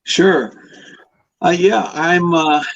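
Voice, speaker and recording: A Hawaiian classic car restorer in his fifties rambles through personal stories as a podcast guest, keeping things casual and conversational. His creaky voice is fairly high, with fairly even intonation and an extremely slow pace. The connection sounds dull, dry, and lo-fi.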